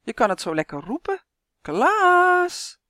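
A woman's voice: medium pitch, sing-song, moderate pace, dry recording, clean studio sound, lightly acted. A woman reading as a cheerful old grandma. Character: cheerful elderly grandmother in a wheelchair.

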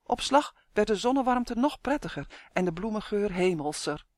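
A woman narrating a children's story in an expressive storytelling rhythm. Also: mid-range voice, moderate pace, no room sound, clean studio sound. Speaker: audiobook narrator.

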